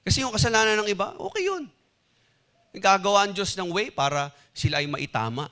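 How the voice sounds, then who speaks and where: A man's voice: high voice, a little fast. A male pastor preaching a sermon in a conversational storytelling way, asking the congregation rhetorical questions. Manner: animated, mixing in English phrases.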